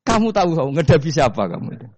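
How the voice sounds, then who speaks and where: A man's voice: on the high side, big pitch swings, very fast, no echo, pitched above the performer's own voice. A man preacher voicing a fierce, boastful early caliph who scolds the angels of the grave. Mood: boastful challenge. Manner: stern, boastful challenge. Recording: dull lo-fi dry recording.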